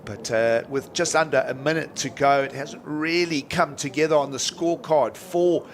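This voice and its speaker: A man's voice: fairly high pitch, normal speed, slight background noise. Man announcing a live surf contest. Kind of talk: live sports commentary.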